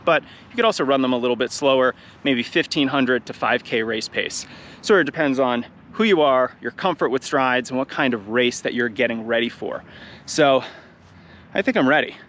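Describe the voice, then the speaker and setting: A man's voice: mid-range voice, slight background noise. Slightly winded man coaching outdoors. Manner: talks nonstop, energetic and encouraging. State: a little out of breath. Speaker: running coach. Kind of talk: outdoor instructional talk to camera. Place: grass field outdoors, near traffic. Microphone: handheld camera carried while running.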